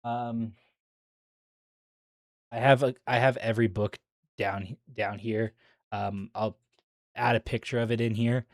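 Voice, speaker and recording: A man giving a casual, chatty reaction commentary as an online video creator, excitable and full of ums. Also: medium pitch, dry recording, clean studio sound.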